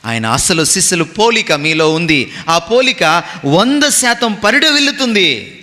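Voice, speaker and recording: A man's voice: high-pitched, very animated, a little slow, pushed and bright, long reverb tail. A man preaching a sermon as a pastor, emphatic and rhythmic, slipping into English phrases now and then.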